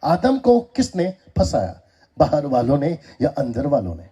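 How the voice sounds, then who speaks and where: A man with an Indian accent giving a lively sermon in a church hall, teasing the crowd and calling for answers back. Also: on the high side, unhurried, husky. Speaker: preacher. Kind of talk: sermon with call-and-response.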